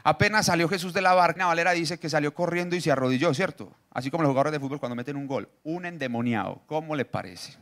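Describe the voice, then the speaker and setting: A man preaching a sermon, reading scripture and joking with the congregation through quick questions. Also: a little high, a bit bright. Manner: jokey, asks the audience questions, reads scripture aloud.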